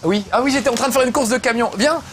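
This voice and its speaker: Talking very fast in a very high, slightly bright voice, a man hosts a video game show. His playful chat while gaming is jokey, self-mocking and loaded with fillers.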